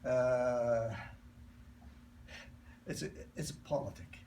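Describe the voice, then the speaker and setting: Slow and warm, his medium-pitched voice comes from a distance with a little hiss or hum. He's a sixty-something product presenter, New York-raised with a non-native English accent, running an informal sales pitch full of stories, broken grammar, repetitions and restarts.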